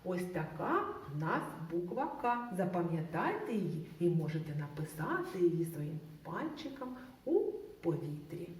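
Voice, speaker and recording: A woman teaching a lesson to preschool children in a sing-song way, slowly drawing out sounds. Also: on the low side, big pitch swings, a little mellow. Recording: roomy, from a distance.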